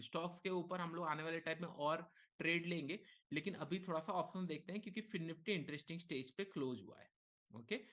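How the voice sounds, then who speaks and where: A man leading a live market lesson, talking casually and thinking aloud, with frequent okays and short pauses. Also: on the high side. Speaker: trading instructor. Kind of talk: live market teaching session.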